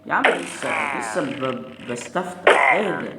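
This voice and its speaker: A man with an Egyptian Arabic accent giving excitable live commentary over his own gameplay, repeating his words and shouting orders at the screen. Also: a little high, unhurried. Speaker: gamer. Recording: echoey room with clear background noise.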